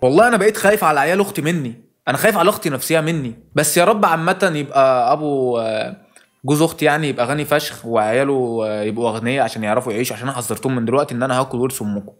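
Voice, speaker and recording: A man with an Egyptian Arabic accent ranting in a comic monologue, with curses he cuts off mid-word. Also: mid-range voice. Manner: rapid exasperated ranting with clipped-off curses. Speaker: comedy video host.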